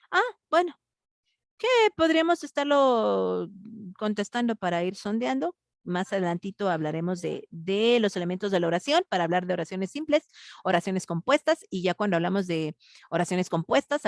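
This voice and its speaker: A woman teacher with a Mexican Spanish accent walks her class through grammar points, pausing on fillers and checking in with questions. Her voice is recorded dry and close, with little room sound. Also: mid-range voice, dry recording. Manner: patient, asks students questions, thinks aloud with fillers. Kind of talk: online class explaining grammar.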